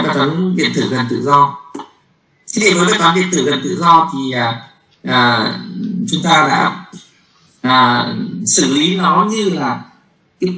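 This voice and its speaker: A man giving a university physics lecture. He talks haltingly, with many fillers and repeated words, and keeps checking with the class. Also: on the high side, bright, forceful tone, echoey room, rough recording.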